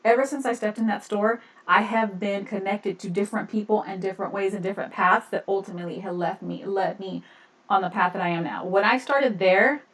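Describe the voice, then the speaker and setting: A woman's voice: medium pitch, a little fast, a bit bright, distant mic. A woman co-hosting a casual live-stream chat, rambling and laughing often. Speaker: podcast co-host.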